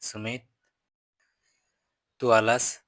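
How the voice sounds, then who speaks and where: A man voicing a teasing, playful neighbourhood aunt in a storytelling reading, keeping his own flat voice. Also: on the low side, very slow, no echo.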